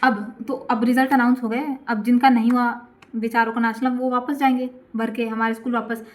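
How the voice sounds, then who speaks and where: A woman's voice: fairly high pitch, moderate pace. A chatty woman from India telling a dramatic storytime about her school days, repeating herself for effect. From Gurugram, India. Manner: animated, repeats questions. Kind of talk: storytime vlog.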